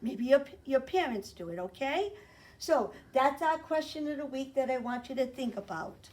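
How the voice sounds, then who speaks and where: A woman teacher giving a remote lesson to young children, explaining slowly and clearly. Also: high-pitched, expressive, a little mellow. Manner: sings a slow chant and invites children to join.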